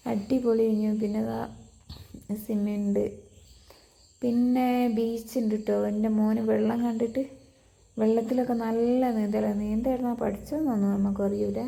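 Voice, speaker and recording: A woman's voice: fairly high pitch, level tone, fairly quick, gravelly, mellow. A woman with a Malabar Malayalam accent giving a casual, chatty vlog voice-over, mixing English words into her Malayalam and addressing viewers familiarly.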